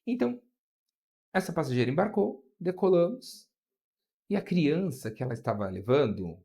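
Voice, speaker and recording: A man's voice: normal speed, gravelly. A man with a Brazilian Portuguese accent, a flight attendant guest telling a story in an interview, his voice climbing as the story builds. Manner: animated, pitch rising as the story builds.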